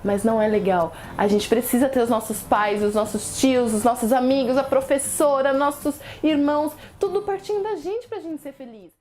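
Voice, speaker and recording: A woman's voice: high-pitched, moderate pace, few pauses, soft background music. A woman narrating a children's story expressively, asking the children questions as she goes. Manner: expressive, addresses kids directly.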